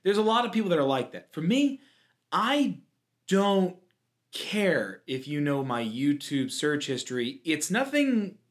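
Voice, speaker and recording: Podcast co-host guy, bit higher voice, chatty and opinionated, talks fast when worked up. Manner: animated, opinionated, quick asides. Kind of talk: casual chat.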